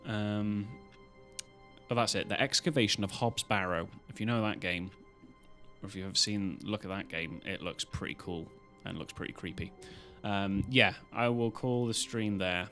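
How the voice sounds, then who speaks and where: A man's voice: fairly low pitch, moderate pace, sharp tone, soft background music. A British man chatting casually as a live streamer, in a loose, rambling way with some casual swearing. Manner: rambling, loosely strung-together talk.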